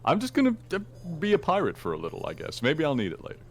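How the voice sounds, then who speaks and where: A man's voice: fairly high pitch, huge pitch swings, rapid-fire. A man playing a tabletop game, talking in a playful, mischievous way. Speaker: player.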